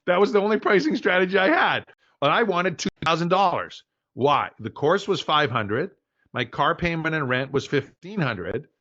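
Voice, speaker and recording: An older man in his sixties leads a business workshop and throws himself into his stories, acting out the other people's voices. His voice sits a little high, and it comes through a dull, lo-fi online call. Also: normal speed. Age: 60s. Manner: animated storyteller, acts out voices. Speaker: business coach. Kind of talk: workshop talk with storytelling.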